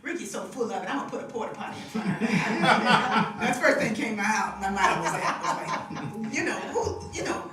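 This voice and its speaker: With a crowd audible behind her, a devotional host and singer talks casually about spiritual matters, laughing and telling long, drawn-out stories. Her medium-pitched voice has lively intonation. The sound comes from a stage mic with monitor feedback, picked up from far off in an echoey music room.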